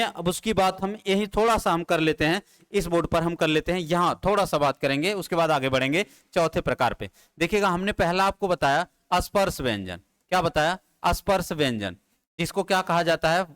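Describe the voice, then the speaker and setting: A man's voice: fairly high pitch, expressive, brisk, fairly bright tone, clear, resonant tone. A man teaching Hindi grammar at a board, asking his students questions and answering them himself in repeated drills. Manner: addresses students familiarly, drilling terms. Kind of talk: classroom lecture at a board. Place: classroom with a board.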